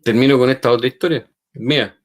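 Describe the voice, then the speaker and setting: A man hosting a faith podcast, retelling a story in an animated way and checking in with his listeners. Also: medium pitch, fast talker. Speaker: podcast host.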